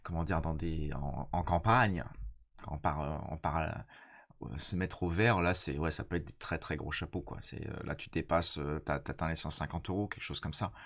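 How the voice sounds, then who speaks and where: A man with a stuffy, nasal voice from a cold, chatting casually and explaining things in a halting, slangy way. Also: rumbling low, fairly bright tone. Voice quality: congested, nasal. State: blocked nose from a cold. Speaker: stand-up comedian.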